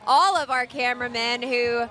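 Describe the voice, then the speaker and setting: A woman's voice: a little high, normal speed, bright, forceful tone. An American woman hosting live street coverage as a chatty, upbeat parade commentator. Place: outdoors on a downtown street.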